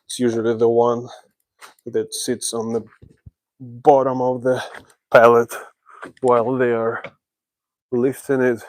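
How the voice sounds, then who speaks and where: On a livestream from a job site, a man from Ukraine walks through his renovation work one step at a time. He talks slowly and haltingly, at a medium pitch that barely moves, with a slightly mellow quality.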